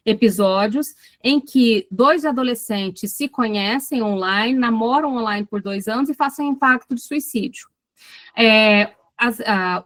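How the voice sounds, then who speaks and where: A woman's voice: a little high, no room sound. A woman with a Brazilian Portuguese accent giving an online psychoanalysis lecture, speaking animatedly and turning to her students with frequent asides. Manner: animated, talks to students directly with many asides. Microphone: video call.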